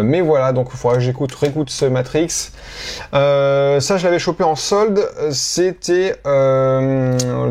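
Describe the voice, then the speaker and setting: A man casually showing off his collection on camera, talking unscripted and hesitantly with many pauses and restarts. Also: medium pitch, darkish tone. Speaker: collector presenting his purchases. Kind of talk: casual unscripted show-and-tell.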